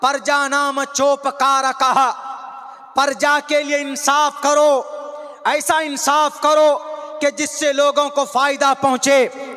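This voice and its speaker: High-voiced man preaching in an echoing hall. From India. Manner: declaiming, drawn-out scripture recitation, shouting at peaks. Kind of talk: impassioned public speech. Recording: long hall reverb.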